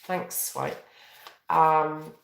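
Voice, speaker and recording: Speaking very slowly in a low, gravelly voice with fairly even intonation, a New Zealand tarot reader and astrologer gives a live-streamed spiritual reading. She rambles conversationally, sounding tired and often correcting herself, in an echoey room on a rough recording.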